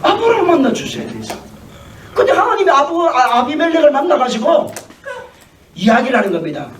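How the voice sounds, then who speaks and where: A man's voice: very high voice, brisk, far from the mic, a little hiss or hum. Male pastor preaching in church, asks the crowd questions, voice jumps all over, roomy hall sound. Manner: animated, dramatic preaching with questions to the congregation. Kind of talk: sermon. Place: church sanctuary. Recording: echoey church hall, mic from afar.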